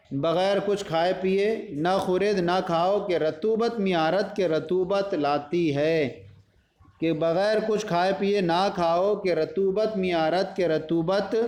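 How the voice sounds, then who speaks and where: High-voiced man teaching in an echoey room. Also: a little mellow. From India. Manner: reads a phrase, then glosses it word by word and repeats the meaning. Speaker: madrasa teacher. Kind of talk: line-by-line Persian lesson explained in Urdu.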